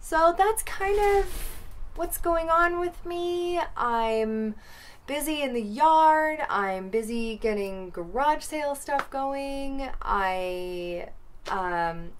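A woman in her thirties chatting casually to camera outdoors beside rabbit hutches, playful with quick asides. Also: medium pitch, slight background noise. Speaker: vlogger. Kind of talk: casual chat.

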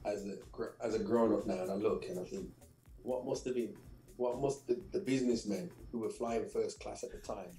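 A middle-aged man from England, a radio show guest telling lively anecdotes with laughs and repeated phrases. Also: on the low side, brisk, roomy sound, soft background music, poor audio. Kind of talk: casual interview storytelling.

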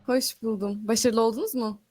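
A woman playing a doctor in game roleplay, giving advice in a calm, drawn-out way. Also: fairly high pitch, a little hiss or hum. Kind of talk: in-character game role-play.

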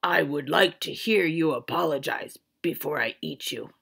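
A woman's voice: deep voice, moderate pace, fairly bright tone, voice pushed down, exaggerated voice. A woman growling as a huge menacing bear. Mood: scheming. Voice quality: growling, gravelly.

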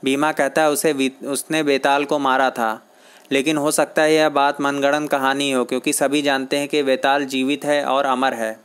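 A man's voice: mid-range voice, level tone, moderate pace, a bit bright, smooth, natural voice. A man reading a comic aloud, voicing an earnest male club worker who brings urgent news. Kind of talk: comic book read aloud.

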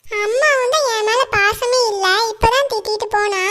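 A woman voicing a gullible, crying little village girl in a cartoon, with a shrill, whiny childlike voice. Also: normal speed, a bit bright. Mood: tearful. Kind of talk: cartoon voice acting.

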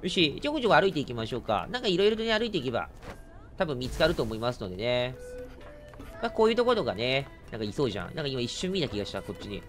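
A man's voice: fairly high pitch, sing-song, rapid-fire, hardly any pauses, fairly bright tone, faint music behind. A man giving casual, chatty commentary while playing a game, exclaiming and muttering at what happens. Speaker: let's play streamer.

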